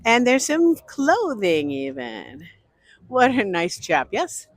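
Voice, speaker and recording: A woman's voice: fairly high pitch, huge pitch swings, takes it slowly, no room sound. Chatty woman vlogging an outdoor fair. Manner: chatty, friendly greetings to passers-by. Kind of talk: casual walking vlog narration. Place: outdoor art festival.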